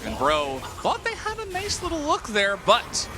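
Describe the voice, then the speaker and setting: A man's voice: very high voice, normal speed. A man calling esports play-by-play, joking with his co-caster and rising with the action. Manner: lively, jokey, rises with the action. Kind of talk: play-by-play commentary. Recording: music bed under commentary.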